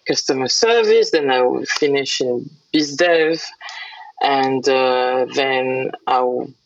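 A Frenchwoman in her thirties, a guest on a podcast, speaks English with a French accent in casual interview talk, stringing her sentences together loosely and unpolished as she thinks aloud. Her voice is a rumbling low, slow, and the recording loses its highs and carries a slight hiss or hum.

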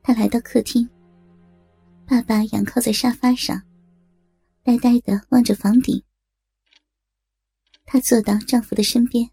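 A woman's voice: fairly high pitch, level tone, a little slow, vocal fry, pauses often, mellow, husky, no echo, soft background music. A woman reading a dramatic family story aloud as a storyteller. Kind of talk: scripted story narration.

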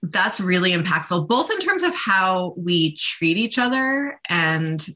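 A woman lawmaker from Vermont chats on a radio show, her voice low but bright and crisp. She talks earnestly, with plenty of "like" fillers. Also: sing-song, unhurried. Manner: earnest, chatty, many "like" fillers. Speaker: state representative. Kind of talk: casual radio conversation.

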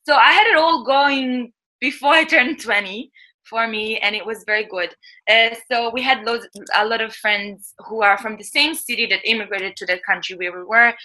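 A non-native English speaker in her thirties, appearing as a guest, candidly recounts her life story in a casual interview, often laughing and groping for words. Her voice is on the high side, bright and forceful, and the recording is rough.

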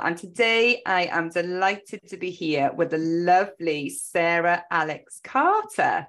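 Lively Welsh woman hosting, lowish voice. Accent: South Wales. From Wales. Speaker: podcast host, business coach. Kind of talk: podcast hosting.

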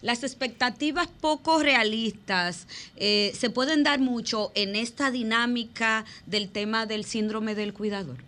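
A woman hosting a radio talk show, asking measured questions with thinking pauses. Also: on the high side, bright, forceful tone.

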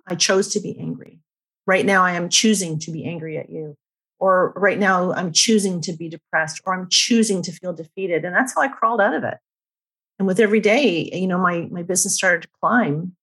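A middle-aged woman with a somewhat low voice shares her life story on a podcast with candid emphasis. She tells it as a guest numerologist would, frank and heartfelt. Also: fairly bright tone, breathy edge. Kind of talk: personal storytelling in a podcast interview.

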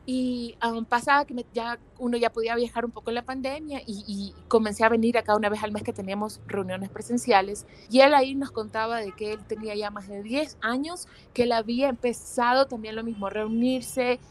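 A young woman speaks as an interview guest, recounting her testimony. Her voice sits a little high, and she brings her story to life by acting out the lines she recalls. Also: a little fast, few pauses, slight background noise, low-quality recording. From Ecuador. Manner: lively storyteller who acts out quoted dialogue. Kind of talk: telling a personal testimony in conversation.

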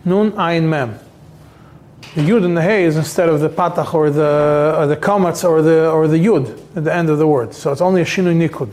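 A man teaching a religious text class, explaining slowly, restarting phrases and repeating words as he goes. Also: a little high, a little mellow. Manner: halting, repeats words, many fillers. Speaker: rabbi teaching a Talmud class. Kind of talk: explaining halachic texts to a class.

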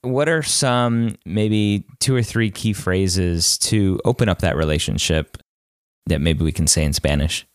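Male host, very low and smooth, dry close mic, upbeat and casual. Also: no room sound. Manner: upbeat, quick to laugh, prompting questions. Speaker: podcast host. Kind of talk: casual interview hosting.

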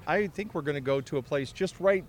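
A man's voice: a little high, a little fast, slight background noise. A man podcast co-host chatting outdoors in a city park, joking and self-deprecating. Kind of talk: casual chat outdoors.

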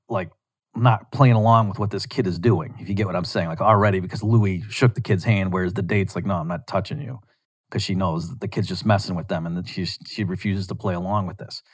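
A man's voice: on the low side, no echo, clean studio sound. Man rambling through a story. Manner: rambling, animated, frequent restarts. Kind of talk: casual storytelling monologue.

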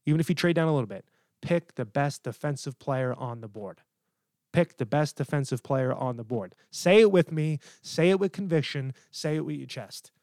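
A man's voice: mid-range voice, darkish tone, no echo, clean studio sound. A man hosting a casual sports podcast, talking emphatically and repeating points for stress. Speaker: podcast host. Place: home, at a table.

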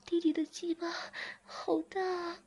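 A woman's voice: high-pitched, expressive, a little slow, voice pushed up. A woman whispering as a breathless, pleading young woman. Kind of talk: whispered role-play.

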